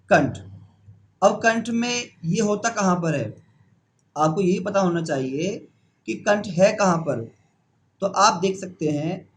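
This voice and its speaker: Guy teaching pronunciation, kinda high voice, asks then answers himself. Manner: slow, repeating key terms. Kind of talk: classroom-style lesson.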